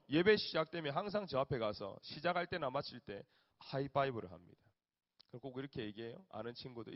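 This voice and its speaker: A man, a youth pastor telling lively stories in his sermon. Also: a little high. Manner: animated storyteller, acts out family voices. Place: church hall. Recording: dull echoey church hall recording.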